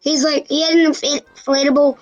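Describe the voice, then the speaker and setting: A child speaks in a high voice that sounds blocked up by a stuffy nose. The delivery is casual storytelling that stops, restarts and repeats itself, with faint music behind. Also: level tone, a little fast, muffled recording. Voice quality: stuffy-nosed, congested nasal sound. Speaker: co-host recapping episodes. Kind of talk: casual chat retelling stories.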